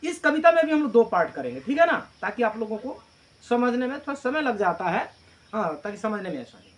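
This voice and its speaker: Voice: mid-range voice, very animated, fairly quick. A teacher explaining a poem to a class, repeating key lines, asking the students questions and answering them, and reading the English lines aloud. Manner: mixes Hindi with read-out English lines.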